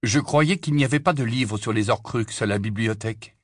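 A man voicing a steady teenage boy wizard who asks plain questions. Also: medium pitch, normal speed, no echo, studio quality, lightly acted.

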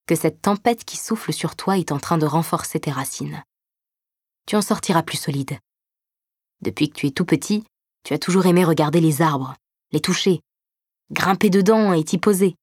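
A woman voicing a gentle older brother who explains things patiently and reassuringly in a narrated story. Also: low voice, moderate pace, long pauses, husky, no echo, studio quality. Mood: soothing.

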